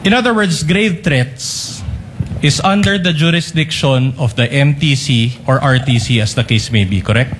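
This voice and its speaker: A man's voice: mid-range voice, moderate pace, a bit bright, a little hiss or hum. A man, a lawyer in a courtroom recording, pressing a witness with leading questions. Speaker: lawyer cross-examining a witness. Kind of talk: courtroom cross-examination. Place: hearing room, courtroom recording.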